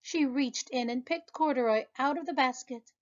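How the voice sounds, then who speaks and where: A woman, a preschool teacher, reading a children's picture book aloud in a lively, expressive way. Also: normal speed, lo-fi sound. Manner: animated, high voices for characters. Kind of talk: children's storybook read-aloud.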